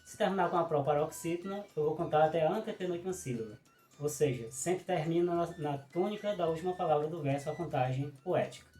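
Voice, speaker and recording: A man's voice: a little high, warm tone. Patient male teacher. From Ceará, Brazil. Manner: patient, explanatory, stresses syllables slowly, frequent "né". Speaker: cordel poet teaching a workshop. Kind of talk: online lesson. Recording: roomy echo with faint music.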